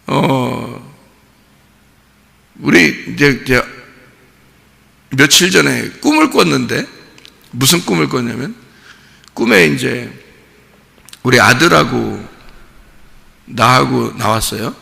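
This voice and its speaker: A man pastor preaching a sermon, swinging between loud emphatic outbursts and soft, slow storytelling. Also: medium pitch, expressive, gravelly, long reverb tail. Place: church.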